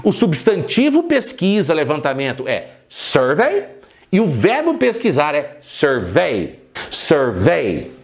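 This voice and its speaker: A man teaching English pronunciation on a podcast, speaking unhurriedly with a lively, rising and falling voice. He says each word slowly and clearly as a model for his listeners. He is a native Portuguese speaker. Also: high-pitched.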